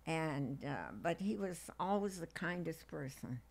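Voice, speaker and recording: Very old woman with creaky voice. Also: low-pitched, expressive, unhurried. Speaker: interview guest, grandmother. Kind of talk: casual conversational interview.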